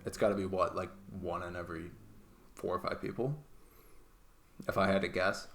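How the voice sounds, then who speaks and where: A young man co-hosting a podcast in casual, rambling chat, swearing freely and filling every pause with "like". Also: low-pitched, steady tone, vocal fry, fairly bright tone. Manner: swearing, filler-heavy, rambling. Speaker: podcast co-host.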